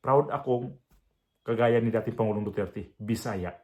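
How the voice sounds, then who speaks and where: A man's voice: fairly low pitch, normal speed, phone-quality sound. A man with a Visayan accent giving casual reaction commentary in a blunt, proud way. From Visayas, Philippines. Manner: proud, blunt, with many fillers and restarts. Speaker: reaction vlogger.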